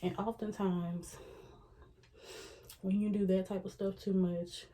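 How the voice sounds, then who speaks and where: A young woman talking to camera in an earnest, halting, self-reflective way, a little out of breath. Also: medium pitch, flat delivery, mellow. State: slightly out of breath. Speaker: vlogger. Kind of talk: casual reflective talk to camera.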